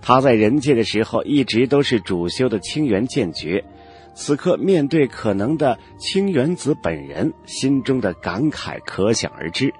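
A man narrating an audiobook serial in a dramatic, animated reading. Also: medium pitch, measured pace, soft background music. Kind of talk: scripted storybook narration.

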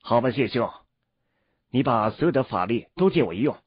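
A man's voice: medium pitch, animated, fairly quick, husky, dry recording. A man voicing a cool, calculating cultivator. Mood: calm. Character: calm, calculating young male cultivator. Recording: dull lo-fi audio, faint music.

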